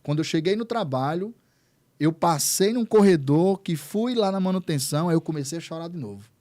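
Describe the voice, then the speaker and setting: A man's voice: fairly high pitch, animated, fairly quick, a little mellow. A man, a pastor, telling his testimony as an interview guest, earnest and repeating words for emphasis. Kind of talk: emotional testimony in conversation.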